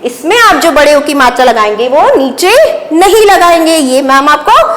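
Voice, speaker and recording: A woman's voice: sits high, animated, fairly bright tone, in a large hall. A woman teaching young children a phonics lesson, patiently asking questions and answering with praise. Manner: slow, patient, call-and-response questions and praise. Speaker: primary school teacher.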